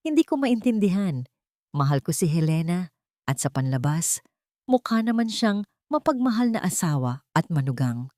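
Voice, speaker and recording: A woman narrates a scripted dramatic story in a lowish, slightly mellow voice. The recording is dry and clean, with a studio sound.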